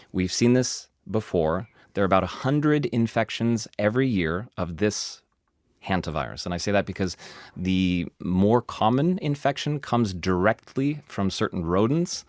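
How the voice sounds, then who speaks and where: A man hosting a science podcast, explaining the news in a casual, animated way with lots of asides and emphasis. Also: lowish voice, no echo, studio quality. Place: studio.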